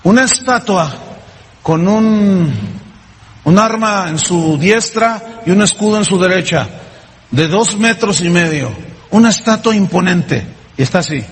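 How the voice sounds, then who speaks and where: A man's voice: high voice, expressive, unhurried, slight background noise. Male pastor preaching in a reverberant hall. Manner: emphatic preaching, rhetorical questions to the congregation. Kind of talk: sermon.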